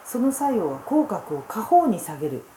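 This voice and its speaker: Lively older woman explaining in an echoey room. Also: mid-range voice, moderate pace, slight background noise. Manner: animated storyteller who acts out quotes, with fillers. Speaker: dentist hosting a podcast. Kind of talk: casual explanatory chat. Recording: roomy echoey recording.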